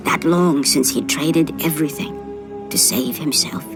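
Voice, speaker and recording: An actress playing a grave, all-knowing narrator of a Greek myth in a video game, solemn and theatrical. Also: female voice, sits low, fairly even intonation, unhurried. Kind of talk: dramatic scripted narration of a mythic game story. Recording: loud music behind the voice.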